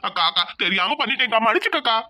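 A woman voicing a guilty, sheepish village man who begs his elder sister for forgiveness, in a put-on low pleading voice. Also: very animated, very fast. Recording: loud background noise.

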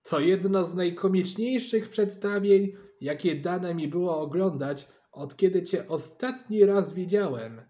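A man putting on a boastful middle-aged neighbor who loves to needle people, loud and jeering, pitched well above the reader's own voice, all of it from a storybook read aloud. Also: a little slow, few pauses. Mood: mocking.

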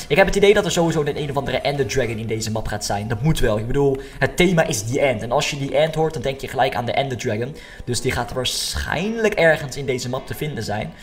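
A young man gives casual gaming commentary at a medium pitch. He is excitable and jokey, addressing viewers directly and mixing in English slang. Faint music plays behind his voice. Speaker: gaming video host. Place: indoor room.

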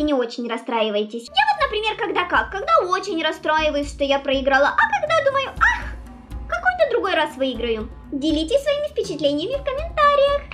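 A woman's voice: high voice, fairly bright tone. A young woman giving playful, chatty, exclamatory commentary as a gaming host, in a casual Let's Play style. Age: young adult. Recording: music behind the voice. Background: game music.

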